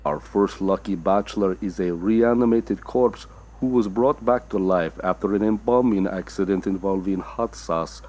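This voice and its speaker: A man's voice: sits low, moderate pace, warm tone, lightly acted. A man voicing a campy Dracula who hosts a dating game show in a comedy animation, flirty, teasing and full of puns. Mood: showy, teasing. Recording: noisy, with crowd sounds behind.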